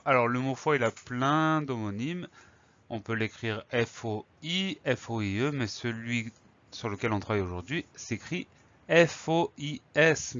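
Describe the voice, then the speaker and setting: A patient male teacher walks through a spelling lesson, slowly sounding out words and spelling them letter by letter. His voice sits at a middle pitch and is recorded close in a dry room, with a slightly dull, muffled sound. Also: a bit bright, no room sound.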